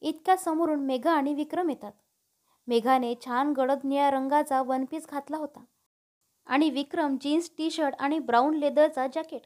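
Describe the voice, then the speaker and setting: A woman narrating a family story in a steady, expressive reading. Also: high-pitched, normal speed.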